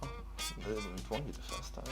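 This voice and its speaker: A man co-hosting a fan channel in excited casual chat, laughing often and repeating himself. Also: lowish voice, moderate pace, loud music behind the voice.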